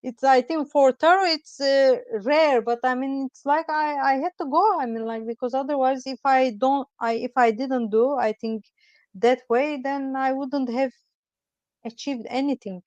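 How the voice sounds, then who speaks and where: Here the same kind of speaker, a middle-aged woman from Turkey with a Turkish accent, talks as a guest astrologer in a casual interview over video call. She sounds high-pitched, keeps a fairly even intonation at a moderate pace, and wanders hesitantly with lots of "I mean, like." There's no echo, but the lo-fi recording sounds dull.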